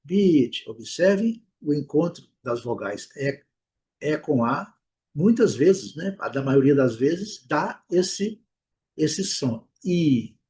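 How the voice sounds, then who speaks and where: A husky, slightly breathy Brazilian man with a fairly high voice gives a pronunciation lesson. He says each example word slowly, several times, and stretches the vowels. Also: very animated, darkish tone. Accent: Brazilian Portuguese. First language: Portuguese. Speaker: English teacher.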